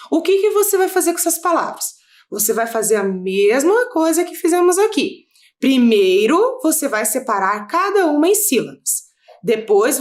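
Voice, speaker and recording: A woman teacher with a Brazilian Portuguese accent, patiently explaining a video lesson for children step by step. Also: high-pitched.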